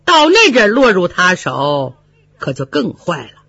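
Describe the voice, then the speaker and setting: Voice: mid-range voice, huge pitch swings, unhurried, creaky, pushed and bright, husky, no echo, full character voice. A storyteller voicing a prudent young maidservant who asks and warns in a curious, earnest way. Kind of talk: storytelling with voiced characters. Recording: dry, slightly dull lo-fi recording.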